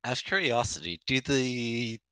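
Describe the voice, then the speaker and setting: A man's voice: mid-range voice, expressive, normal speed, a bit bright, clean tone, dry recording. A man playing a tabletop game, casually describing what his character does.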